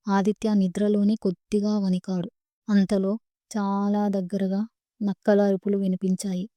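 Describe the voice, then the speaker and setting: A woman tells a scripted horror story with measured, suspenseful pacing. Her voice is very dark and mellow, and her pitch stays flat. The sound is dry and close to the mic. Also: dry recording.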